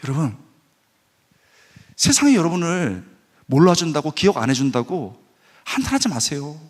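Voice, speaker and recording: Male pastor, middle-aged, lively sermon, high voice, swooping pitch. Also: normal speed. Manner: animated, acts out quoted voices, asks the congregation questions. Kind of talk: lively sermon with acted anecdotes. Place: church sanctuary.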